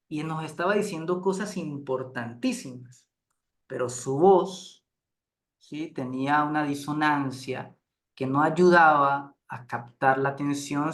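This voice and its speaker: A man giving a relaxed lecture on facilitating groups, often checking in with his listeners. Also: medium pitch. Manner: unhurried, checks in with frequent "¿sí?".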